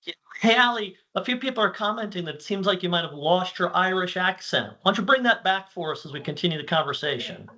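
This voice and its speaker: A man presenting at a conference, chatting with an AI co-host in a friendly, relaxed way with occasional fillers. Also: high voice, fast, few pauses. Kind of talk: casual presentation.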